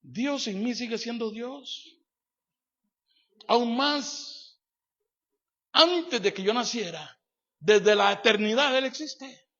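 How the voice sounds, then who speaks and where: Male pastor, sermon delivery: emphatic, repetitive, swinging loud to soft, talks straight to the flock; high bright timbre, muffled lo-fi church recording. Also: slow, pauses often. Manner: emphatic preaching with repeated phrases and sudden swings between loud and soft; addresses the congregation directly with rhetorical questions.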